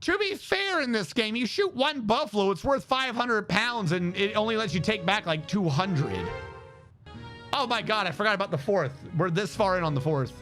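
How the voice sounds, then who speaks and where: A man's voice: high-pitched, lively intonation, moderate pace, over music. A man giving casual, mocking, sweary commentary while he plays a game. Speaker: gamer playing and commenting.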